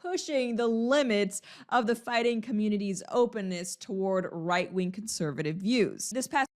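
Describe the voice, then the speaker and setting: A woman's voice: medium pitch, normal speed, a little mellow. A woman hosting a commentary video, presenting a news story in a conversational way. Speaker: video host.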